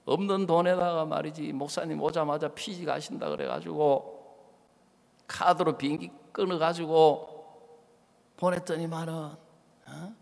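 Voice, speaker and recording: A man preaching as a pastor, telling a story with animated delivery and voicing the people in it. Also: on the high side, measured pace, gravelly, pauses often. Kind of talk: sermon with acted-out anecdote. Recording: church hall reverb.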